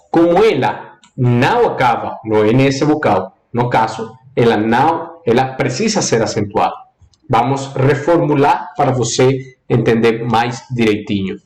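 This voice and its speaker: A male Spanish teacher streaming a live lesson, his pitch swinging up and down as he drills the rules. He repeats phrases in a singsong way and slips between Portuguese and Spanish. The room gives his voice a noticeable echo. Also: darkish tone. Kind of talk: live online language lesson.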